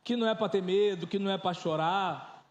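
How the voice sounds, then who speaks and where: Pastor, man in his 30s, very high voice, animated and joking, informal sermon in an echoey church. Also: a little fast, highs cut off. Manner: animated, joking, shifts into loud and soft.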